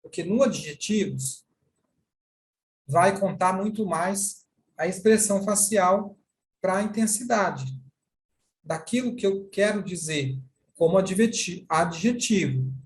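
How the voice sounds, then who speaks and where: A man with a Brazilian Portuguese accent teaches a sign language class, explaining deliberately and repeating examples. His voice is high-pitched.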